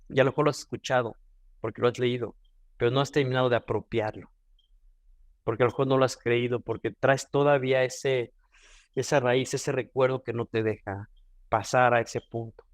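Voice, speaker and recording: A man's voice: medium pitch, normal speed, dry recording. A man with a Mexican Spanish accent giving an earnest devotional teaching, often repeating and restarting phrases. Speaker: devotional speaker.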